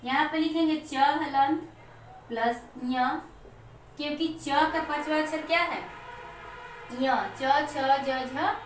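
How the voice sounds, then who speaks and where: A high-pitched woman teaching a lesson at a slow, patient pace. She keeps asking questions and answering them herself. Her voice comes from some distance off the mic, in an echoey room. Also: fairly even intonation, a little hiss or hum. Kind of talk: classroom lesson.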